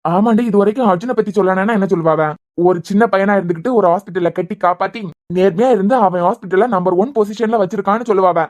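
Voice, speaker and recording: A woman voicing a devoted young husband who is a hospital head, speaking in a Kanyakumari Tamil accent, bantering fast and turning stern at times. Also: medium pitch, darkish tone, lightly acted. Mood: teasing. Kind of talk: cartoon web series voice acting.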